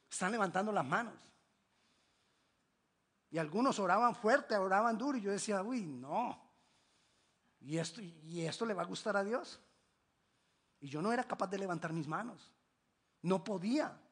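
A man preaching a sermon as pastor, with emphatic exclamations, hushed low drops and repeated rhetorical questions.

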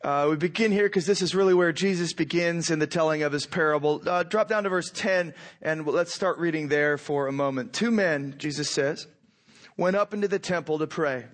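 A man giving an informal sermon as a pastor, conversational and repeating phrases for emphasis, his voice froggy and hoarse with a cold. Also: on the high side, moderate pace. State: hoarse from a cold, clearing throat. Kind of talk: sermon, informal teaching with scripture reading.

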